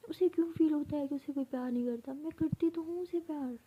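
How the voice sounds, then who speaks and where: A woman voicing a lovesick young college woman who pleads through tears, halting and repeating words. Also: high voice, narrow, tinny audio, pitched above the performer's own voice, natural voice. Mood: tender, earnest.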